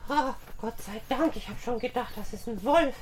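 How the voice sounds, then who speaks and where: A woman playing a frightened, excitable fairy-tale girl in a children's audio play, pleading and exclaiming breathlessly. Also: on the high side, moderate pace, a little hiss or hum, close to an everyday voice. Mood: anxious, exhausted.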